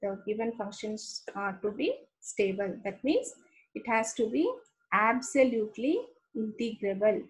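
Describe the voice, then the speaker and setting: A woman's voice: medium pitch, lively intonation, unhurried, low-quality recording. A woman with an Indian English accent giving an engineering lecture, explaining step by step and often checking in with "okay". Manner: explanatory, frequent "okay" checks, repeats terms.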